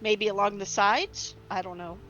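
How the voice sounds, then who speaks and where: A woman's voice: medium pitch, fairly even intonation, moderate pace, a bit bright, a little hiss or hum. A woman playing a tabletop game, chatting casually in a hesitant, rambling way. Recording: dull lo-fi audio, faint music.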